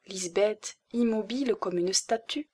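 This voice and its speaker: A woman's voice: medium pitch, measured pace, a little mellow, husky. Woman narrating a classic novel. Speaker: audiobook narrator. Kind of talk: literary audiobook narration.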